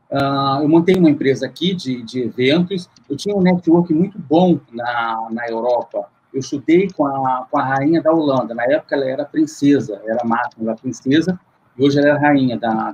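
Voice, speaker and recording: A man's voice: medium pitch, darkish tone, slightly rough, muffled recording. A middle-aged man from Rio de Janeiro, a guest on a video call, telling his story at length with many fillers and restarts. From Rio de Janeiro, Brazil. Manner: long rambling account with many fillers and restarts. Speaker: guest, luxury market CEO. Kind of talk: interview over video call.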